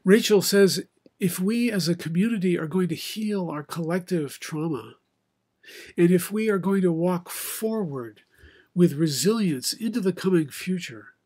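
An older man, preaching a sermon from a home study with bookshelves into a webcam, in a measured, reflective way with many pauses. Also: sits high, darkish tone, husky. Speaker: pastor. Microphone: video call webcam, head and shoulders.

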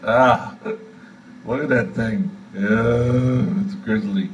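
A man's voice: medium pitch, fairly even intonation, extremely slow, far from the mic, slight background noise. A man improvising theatrically as he films, swearing and reacting with melodrama, speaking indoors into a handheld phone. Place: indoors at a metal sink. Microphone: handheld phone camera.

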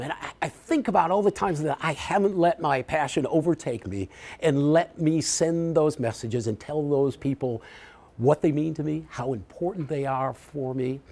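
A man in his sixties from the US Midwest, a retiring professor telling heartfelt stories in a farewell lecture, reflective and halting. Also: fairly high pitch, vocal fry, a little mellow. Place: lecture hall.

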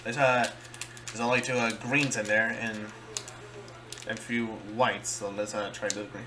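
A man doing a casual food-tasting vlog, halting and searching for words as he chews and talks. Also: on the low side, little pitch movement, background noise. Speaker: vlogger.

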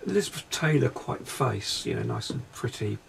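Gravelly man relaying psychic impressions. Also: mid-range voice, expressive, a little hiss or hum. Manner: hesitant, halting descriptions with many pauses. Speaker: psychic medium. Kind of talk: paranormal investigation commentary. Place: inside a railway carriage.

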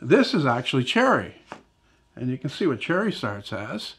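A middle-aged woodworking host talks at normal speed in a mid-range, slightly bright voice with big pitch swings, over slight background noise. Demonstrating casually in his indoor home shop, he rambles, self-corrects, and keeps saying "right?" and "you know".

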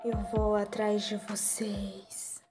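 A woman voicing a menacing ghost with slow, drawn-out threats in a homemade toy story. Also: medium pitch, monotone, loud music behind the voice, natural voice. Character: menacing ghost hunting frightened toy ponies.

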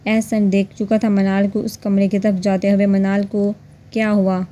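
Woman reading a romance novel in a mellow voice. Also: medium pitch. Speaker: storyteller. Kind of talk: scripted narration of a romance novel.

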